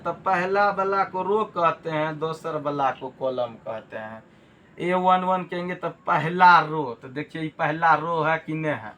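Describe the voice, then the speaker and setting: A man's voice: a little high, a bit bright, a little hiss or hum. A man teaching a math lesson, repeating key terms and asking rhetorical check questions. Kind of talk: classroom lesson.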